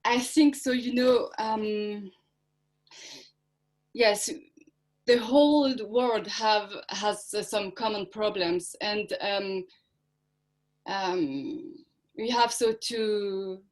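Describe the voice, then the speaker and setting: A woman artist whose first language is not English, speaking haltingly with many fillers on a video call, partly reading from a prepared text. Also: mid-range voice. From Switzerland. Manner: hesitant, many fillers and restarts. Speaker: artist presenting her project. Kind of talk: halting symposium talk, partly read aloud.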